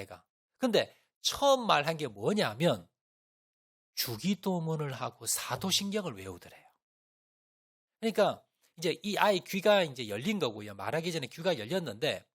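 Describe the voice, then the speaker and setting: Lively, higher-voiced man preaching a sermon. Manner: animated storytelling, acts out prayers with rising emotion. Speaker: pastor. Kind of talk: Sunday sermon, storytelling. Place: church sanctuary.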